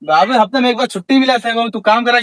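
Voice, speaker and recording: A work-shy village son, acted by a man, pleads and makes excuses in a high Awadhi voice. It is whiny, evasive comedy skit acting with a very dry sound. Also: quick pace, a bit bright, no room sound.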